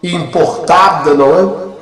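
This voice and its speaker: A man's voice: on the high side, takes it slowly, a crowd in the background. A man preaching a sermon, emphatic and fond of rhetorical questions to his listeners. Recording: echoey room with music behind.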